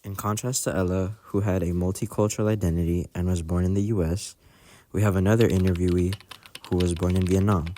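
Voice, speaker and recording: A man reading scripted documentary narration in an even, read-aloud delivery. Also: low-pitched, a little fast.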